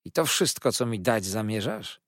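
Guy reading as a shabby sneering con man, insolent, raspy, up and down a lot. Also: fairly low pitch, lively intonation, normal speed, fairly bright tone, dry recording, clean studio sound, full character voice. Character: shabby, sly, mocking middle-aged man, the aunt's husband. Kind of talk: audiobook character reading.

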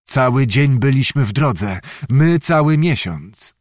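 A man's voice: medium pitch, animated, slow pace, no room sound, studio quality. A man voicing a tireless prince and army commander who speaks firmly. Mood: commanding.

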